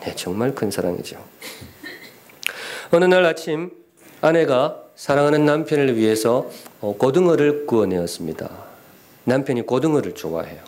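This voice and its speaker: Lively middle-aged pastor preaching. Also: male voice, medium pitch, normal speed. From Gyeongsan, North Gyeongsang, Korea. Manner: lively preaching with questions and humor to the congregation. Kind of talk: sermon. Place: church sanctuary.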